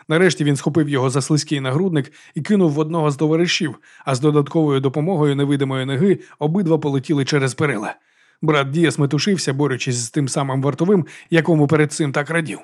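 A man narrating a fantasy audiobook in a brisk, tense storytelling manner. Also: a little high, darkish tone.

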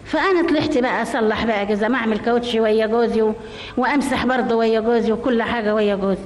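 A woman's voice: fairly high pitch, racing. A woman in her fifties with an Egyptian accent, telling her story plainly in a radio interview. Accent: Egyptian Arabic. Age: 50s. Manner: plain-spoken, colloquial, often asks to have questions repeated. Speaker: interviewee, shoe repairer. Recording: old radio broadcast, reverberant and slightly noisy.

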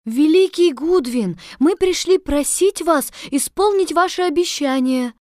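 A woman's voice: high voice, expressive, measured pace, darkish tone, no echo, studio quality, voice pushed up. A woman voicing a young girl, timid but brave, speaking earnestly and pleadingly.

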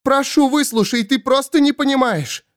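Man voicing a frantic possessed woman, pleading high. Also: normal speed. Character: possessed woman, a desperate man's spirit speaking through her. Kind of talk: audiobook character voice.

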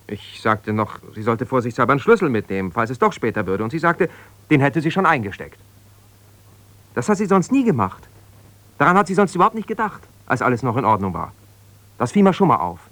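In a naturalistic radio drama, an actor plays an ambitious lawyer who is an aggrieved, jealous husband, speaking haltingly and colloquially as he justifies himself as if confiding on the phone. His medium-pitched male voice is very animated and a bit bright, with no room sound, and the mood is wounded and brooding.

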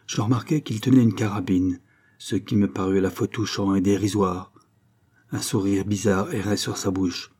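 A man reading a short story aloud as an audiobook narrator, in steady, measured scripted narration. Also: on the low side, breathy edge. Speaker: audiobook reader.

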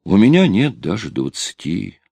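A man's voice: lowish voice, huge pitch swings, measured pace, creaky, a little mellow, slightly rough, no room sound, voice pushed up, exaggerated voice. A man reading an audiobook, voicing an eager, awkward young sailor who is pushy and flustered.

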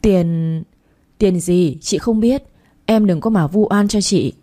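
A woman's voice: lowish voice, slow, warm tone. A woman voicing a spiteful, scheming young woman who curses and whines. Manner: abusive, whining.

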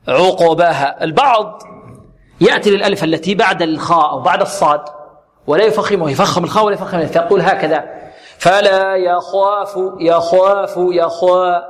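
Man, high voice, Quran recitation teacher, explains then chants verses slowly, asks the class questions. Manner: quizzes students with rhetorical questions.

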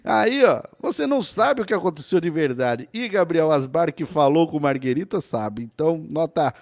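A man's voice: on the high side, expressive, normal speed, darkish tone. A man with a Brazilian accent hosting a podcast, joking crudely and laughing often. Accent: Brazilian Portuguese. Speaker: podcast host. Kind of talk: casual podcast banter.

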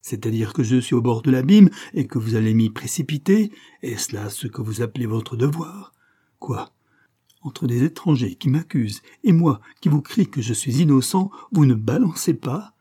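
Male reader as a wronged young man, fierce pleading, husky and warm. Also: on the low side, steady tone, moderate pace, few pauses. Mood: impassioned. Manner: impassioned, pleading and rising to outbursts. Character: desperate young man accused of theft.

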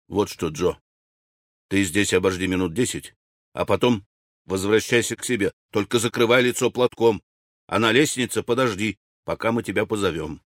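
A man voicing a low scheming young schemer. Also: no room sound, studio quality, natural voice. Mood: coaxing. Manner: low, measured, conspiratorial. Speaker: audiobook character. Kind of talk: audiobook character reading.

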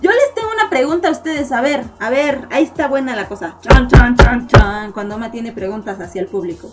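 Giggly high-voiced Mexican woman host. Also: quick pace, over music. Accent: Mexican Spanish. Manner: chatty, giggly, animated, repeats words. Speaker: host of an online live show. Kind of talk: casual live chat with viewers.

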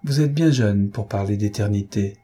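A man voicing a serious, gracious young princess in an audiobook, with a husky voice. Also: on the low side, normal speed, mellow, soft background music. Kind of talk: audiobook character reading.

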